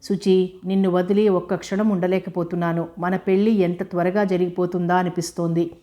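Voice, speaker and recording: A quick-tempered young doctor in love, as a woman narrator reads him speaks in a lowish, everyday voice. He teases at first and then turns earnest with his bride-to-be in this storybook. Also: level tone, dark tone, lightly acted.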